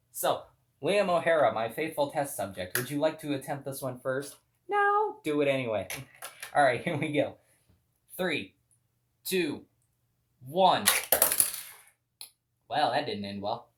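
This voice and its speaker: A man giving playful, excitable commentary on toy car races, with loud countdowns. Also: mid-range voice, unhurried, long pauses, slight background noise. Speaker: race commentator.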